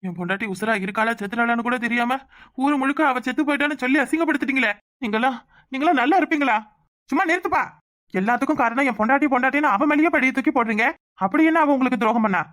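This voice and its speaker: A woman's voice: high voice, racing, a bit bright. A woman voicing a hurt, indignant middle-aged village husband in a cartoon, speaking reproachfully. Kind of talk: cartoon voice acting.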